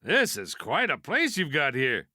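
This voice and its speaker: A man delivers video game voice lines as a wisecracking toy piggy bank, a brash know-it-all with a sardonic, folksy, wry and casual style. His full character voice is on the high side with wildly swooping pitch, an unhurried pace, and a sharp tone. It is studio quality with no echo.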